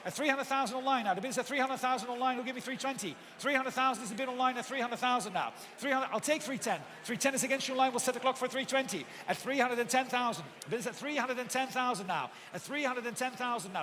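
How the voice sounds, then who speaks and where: Guy auctioneer calling bids really fast, repeating numbers over and over, polite but pushy, big echoey hall w some background noise. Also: very high voice, pushed and bright. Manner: repetitive, insistent chanting of numbers and bids. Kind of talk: live auctioneer bid calling. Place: large auction hall with bidders present.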